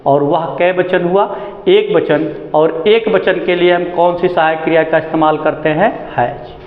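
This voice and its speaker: Slow, high-voiced man teaching grammar. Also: fairly even intonation. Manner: asks the class questions and answers them himself; slow and deliberate, stretching out key words. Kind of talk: classroom grammar lesson. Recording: echoey, dull lo-fi classroom recording.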